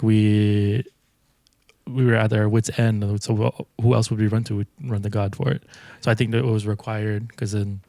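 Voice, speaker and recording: A young man co-hosting a casual faith-based chat, talking in a relaxed, reflective way and often restarting his sentences. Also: on the low side, gravelly, no echo. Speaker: co-host.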